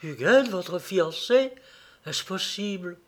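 A shy young village girl speaks in a soft, trembling voice, as a man reading the story puts her on. She sits high and quiet, timid and kind. The reading moves slowly. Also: expressive. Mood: soft, anxious.

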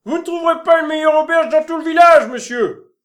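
A man voicing a loud, greedy village innkeeper in an audiobook, shouting and fawning in turn. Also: extremely high pitch, a little fast. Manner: shouting, fawning then indignant. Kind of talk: audiobook character reading.

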